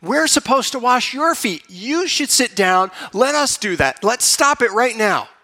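A man's voice: very high voice, very animated, a little slow, sharp tone, voice pushed up, exaggerated voice. A man voicing an impulsive adult male disciple who protests emphatically. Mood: indignant. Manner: emphatic, all-or-nothing protests.

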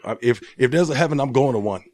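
A man's voice: mid-range voice, quick pace. A man in his forties from Liberia, a boxing gym owner telling stories in a casual interview and laughing often, recorded in a gym. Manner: laughing, animated storyteller.

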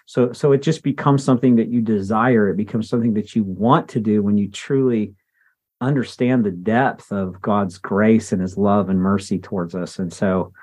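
A man's voice: fairly low pitch, fairly even intonation, normal speed, a little mellow, breathy edge. A man hosting a podcast interview, conversational and affirming toward his guest. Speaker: podcast host.

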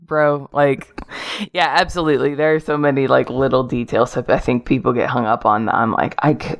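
A woman's voice: rumbling low, steady tone, brisk, creaky. Chatty woman podcast host, lots of fillers. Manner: chatty, laughs often, frequent "like" fillers. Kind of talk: casual podcast chat.

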